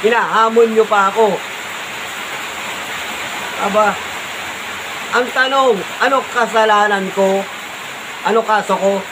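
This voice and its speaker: A man with a Filipino accent answering a critic in his vlog, calm but insistent, repeating his points and tagging "diba?". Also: high-pitched, slow pace, long pauses, noisy background. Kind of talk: spoken reply vlog.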